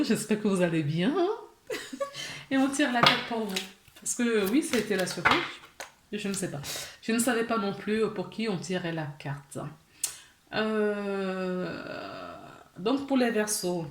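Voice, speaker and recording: A woman's voice: medium pitch, echoey room, a little hiss or hum. A woman giving a casual tarot reading to her viewers, chatty, with many fillers, restarts and small laughs. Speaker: tarot card reader.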